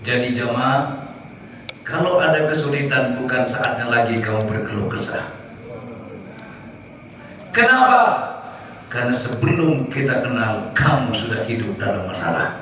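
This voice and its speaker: A man's voice: medium pitch, lively intonation, normal speed, long pauses, a bit bright, a little hiss or hum. A male preacher delivering a sermon to a congregation, asking again and again whether they agree. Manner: rhetorical call-and-response, asking the crowd to agree. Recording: echoey hall, distant mic, dull sound.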